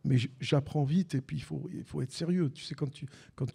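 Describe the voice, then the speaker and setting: An older man with a Marseille accent, telling lively anecdotes as a podcast guest and acting out the dialogue. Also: fairly high pitch, fairly quick, gravelly, breathy edge. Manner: animated anecdotes with repeated restarts and acted-out dialogue. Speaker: guest, former sports radio commentator. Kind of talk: storytelling in a live podcast conversation.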